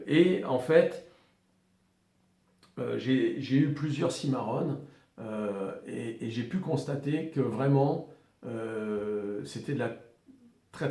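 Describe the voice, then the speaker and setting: A man's voice: medium pitch, mellow. Hesitant French man, echoey room. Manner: hesitant, many fillers and restarts. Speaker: firearms collector presenting a revolver. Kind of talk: casual video presentation.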